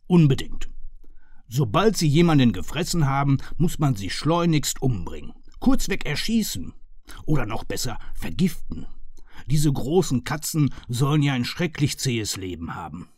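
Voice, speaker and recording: A man's voice: medium pitch, very animated, normal speed, no room sound, pitched above the performer's own voice. A man voicing a stout, sly and jovial chief inspector who talks in a dry, offhand way. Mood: eager. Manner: dry, wry, offhand murmuring.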